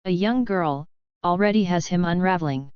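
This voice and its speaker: A woman's voice: fairly low pitch, normal speed, smooth, no room sound, lightly acted. A woman reading a scoffing young Sith man. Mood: wry. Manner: wry, scoffing. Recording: slightly dull, dry recording.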